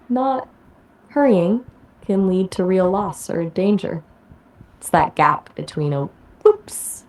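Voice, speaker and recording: A woman's voice: mid-range voice, dark tone. A woman's AI assistant voice giving polished conversational explanations, ending each answer with a question back.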